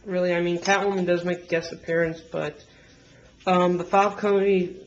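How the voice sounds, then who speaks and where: Man, comic reviewer, high and monotone, rambling self-correcting recaps; dull lo-fi home recording with faint hiss. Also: normal speed. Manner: rambling plot recaps with frequent restarts. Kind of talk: casual unscripted review.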